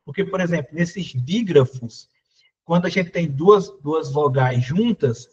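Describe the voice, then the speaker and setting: A man's voice: fairly high pitch, a little slow, darkish tone, slightly rough, highs cut off. A man with a Brazilian Portuguese accent teaching an exam prep class, working through questions and talking straight to his students. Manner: talks to students directly, pointing at the board, asks "né?" often. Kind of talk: live online class solving exam questions.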